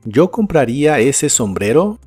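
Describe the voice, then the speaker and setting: Man teaching English pronunciation slowly. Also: mid-range voice, very animated, darkish tone, husky, soft background music. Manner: slow, careful model pronunciation of English words. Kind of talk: scripted pronunciation lesson.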